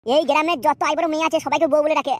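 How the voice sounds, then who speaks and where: A woman's voice: sits high, steady tone, very fast, lightly acted. A woman doing a chattering, scheming young trickster. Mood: teasing. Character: scheming young man posing as matchmaker. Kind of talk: comic cartoon dubbing.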